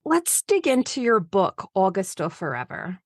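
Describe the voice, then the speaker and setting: A woman's voice: medium pitch, big pitch swings, unhurried, dry recording, studio quality. A woman hosting a podcast interview, chatty and enthusiastic as she asks her guest questions. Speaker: podcast host.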